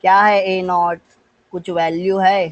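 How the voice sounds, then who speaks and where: Man, Indian accent, physics teacher, live online class, unhurried, mixes in English terms. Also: high voice, level tone, no room sound, highs cut off. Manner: slow, coaxing, asks students questions.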